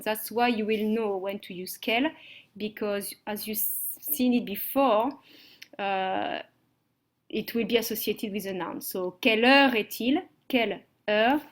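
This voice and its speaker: A woman teaching a language lesson from slides, explaining step by step and checking understanding with "okay?". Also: mid-range voice. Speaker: French teacher.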